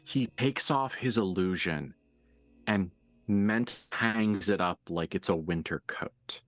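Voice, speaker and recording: A deep-voiced man acts as game master for a tabletop horror game, narrating dramatically and deliberately and pausing for emphasis. The recording has no room sound.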